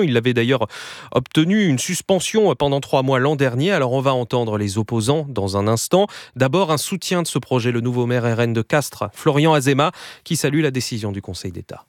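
A man anchoring a morning radio news bulletin, reading in a clear, measured way. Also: medium pitch, no room sound, clean studio sound. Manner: clear, measured newsreader delivery.

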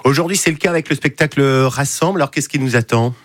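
A man hosting a local morning radio show, talking briskly with many short fillers. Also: medium pitch, no echo, studio quality. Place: radio studio.

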